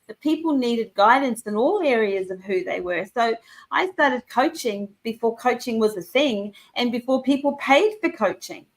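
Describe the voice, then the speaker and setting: Speaking with assurance about her field, a wellness and business coach from New Zealand gives a conversational interview on a video call. She talks in energetic, lengthy stretches, restarting quickly, in a slightly high voice, and the recording is rough.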